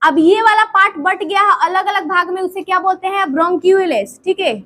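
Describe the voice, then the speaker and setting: High-voiced woman teacher, repetitive classroom quizzing. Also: steady tone, fairly quick, pushed and bright. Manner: repeats terms and quizzes the class. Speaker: drawing teacher. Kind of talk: classroom drawing lesson.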